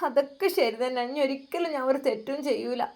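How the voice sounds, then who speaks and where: A woman's voice: high voice, steady tone, slow. A woman voicing a desperate middle-aged woman who pleads tearfully for mercy. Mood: pleading, tearful.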